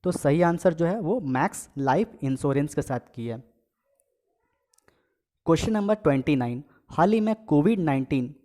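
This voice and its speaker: A man with a fairly high-pitched voice runs a casual exam-prep quiz for his viewers. He reads each question and its options aloud, then gives the answer and repeats it. He keeps checking in with a quick "okay" between points. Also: warm tone. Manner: addresses viewers as friends and guys. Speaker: exam coaching teacher.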